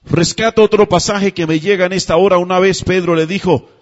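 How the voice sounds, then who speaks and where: A man's voice: high-pitched, steady tone, fairly quick, dull audio. A man preaching a sermon, chatty and full of rhetorical questions, who keeps asking the congregation to repeat phrases after him. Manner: conversational, asks rhetorical questions. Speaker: pastor.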